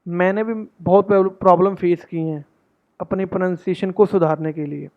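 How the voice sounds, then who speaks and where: A man's voice: sits high, steady tone. Man teaching pronunciation, tinny audio. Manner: slowly reads English passages aloud, repeats words for practice. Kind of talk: casual Hindi-English lesson.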